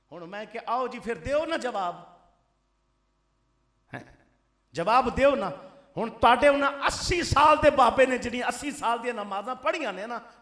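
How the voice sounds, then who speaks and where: A Pakistani cleric with a Punjabi accent preaching in a mosque, firing rhetorical questions at the crowd and swinging between loud and soft. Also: male voice, high-pitched. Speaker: Islamic cleric. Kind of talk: fiery sermon. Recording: echoey mosque sound system.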